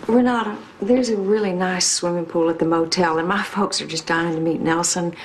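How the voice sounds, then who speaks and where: A woman's voice: on the low side, steady tone, normal speed, slight background noise, close to an everyday voice, rough recording. A woman acting in a TV drama as an earnest, conciliatory mother who worries for her son. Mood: friendly, hopeful. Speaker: actor in a TV film.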